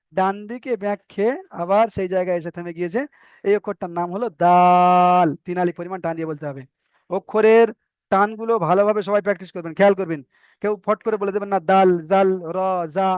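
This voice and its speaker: Man, Indian Bengali accent, online Quran reading teacher, high smooth voice, patient and repetitive, dry slightly dull recording. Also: no echo. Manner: patient, repeats letters slowly with drawn-out vowels. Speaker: Arabic alphabet teacher.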